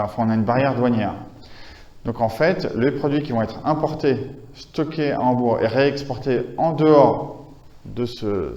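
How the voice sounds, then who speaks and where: A man's voice: medium pitch, darkish tone, echoey room, dull audio. A man giving a conference lecture, talking with many hesitations, fillers and restarts. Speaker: conference speaker.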